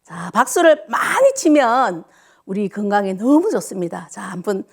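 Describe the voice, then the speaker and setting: A woman instructor leading older students through a clapping exercise class, cheerful and counting out loud with sharp shouts. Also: mid-range voice, sing-song, normal speed, vocal fry, husky.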